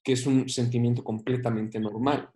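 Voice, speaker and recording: A man's voice: mid-range voice, flat delivery, moderate pace, dark tone. A man with a Mexican accent, a comedian guest, telling stories in a casual, slangy, self-mocking chat and acting out voices as he goes.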